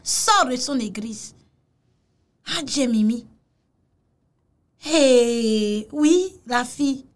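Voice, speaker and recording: A woman's voice: high-pitched, lively intonation, very slow, long pauses. A woman giving casual reaction commentary on a video, mocking and exclamatory, repeating phrases.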